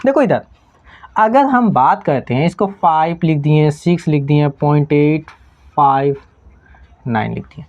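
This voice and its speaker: Lively Bhojpuri-accented woman teaching math. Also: sits low, measured pace. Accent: Bhojpuri-tinged Hindi. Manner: keeps checking understanding with repeated questions. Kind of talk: classroom math lesson. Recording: slightly dull lo-fi recording.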